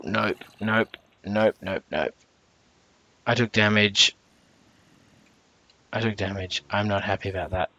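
A man's voice: lowish voice, fairly bright tone, dry recording, muffled recording. A young man hosting casual gameplay commentary. He rambles with lots of fillers and self-corrections, and breaks into jumpy reactions when danger appears. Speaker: channel host.

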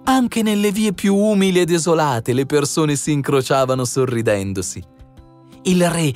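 Expressive male storyteller, higher voice. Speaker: audiobook narrator. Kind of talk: scripted fairy-tale narration.

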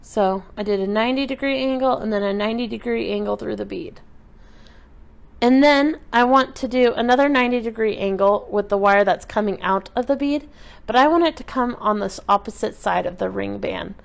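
Chatty woman with a gravelly edge explaining a craft. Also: medium pitch, a little fast. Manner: relaxed, chatty explaining while working with her hands. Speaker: craft instructor. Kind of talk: step-by-step craft tutorial. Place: at a craft table indoors, filmed from above.

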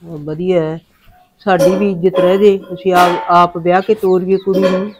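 A woman's voice: on the low side, little pitch movement, normal speed, noisy background, natural voice. A woman acting a middle-aged village mother in a family drama, with a Punjabi accent and a nagging, anxious aunty manner. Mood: worried, lamenting. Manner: Punjabi aunty way of talking, grumbling and fretting.

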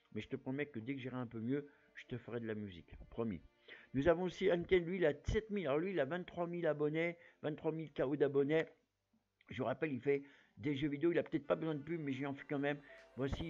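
A man chatting casually as a YouTuber, rambling with plenty of fillers while giving shout-outs. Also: mid-range voice, muffled recording. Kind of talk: casual chat.

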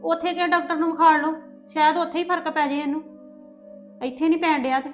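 A stern, suspicious mother-in-law who scolds sharply , played by a woman. Her voice sits fairly high, with faint music beneath. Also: level tone, brisk, lightly acted. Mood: scolding.

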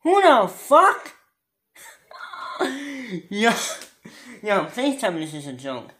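A woman's voice: mid-range voice, wildly swooping pitch, takes it slowly. A woman hosting an improvised comedy skit, exasperated and swearing a lot, repeating herself. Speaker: host of a homemade comedy skit show. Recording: loud background noise.

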